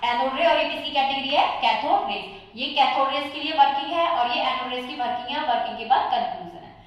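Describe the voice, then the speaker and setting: A woman's voice: high voice, fairly quick, lo-fi sound. A woman teaching an exam-prep chemistry lesson, asking questions and answering them herself. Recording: very echoey room, voice far from mic.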